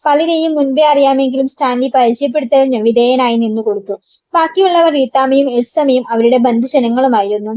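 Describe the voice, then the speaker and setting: A woman narrating a novel aloud in a steady storytelling manner. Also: sits high, a little fast, no room sound.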